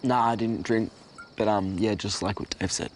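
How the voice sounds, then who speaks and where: An actor playing a slow, halting teenage boy in his late teens who mumbles his words, in film dialogue. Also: lowish voice, steady tone, a little hiss or hum, close to an everyday voice. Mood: ponderous.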